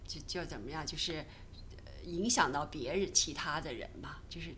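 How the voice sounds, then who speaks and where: A woman's voice: deep voice, normal speed, bright, forceful tone, a little hiss or hum. A woman from China taking part as a guest in a casual Bible discussion, hesitant and searching for words.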